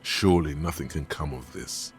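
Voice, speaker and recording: A deep, gravelly game narrator. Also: male voice, over music. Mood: somber. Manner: slow, dramatic, somber narration. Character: grave omniscient male game narrator, brooding.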